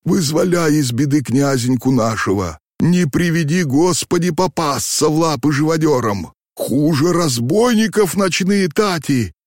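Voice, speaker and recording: A man's voice: deep voice, huge pitch swings, unhurried, slightly rough, dry recording, studio quality, full character voice. A man voicing a frightened, pious old male servant who pleads anxiously. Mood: pleading. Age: older. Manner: fearful, pleading.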